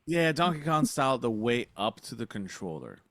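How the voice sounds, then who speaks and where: A man rambles casually through his turn in a tabletop game, packing his talk with fillers. His voice is bright and forward. The sound is dry and close. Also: mid-range voice, big pitch swings, moderate pace, dry recording. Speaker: player.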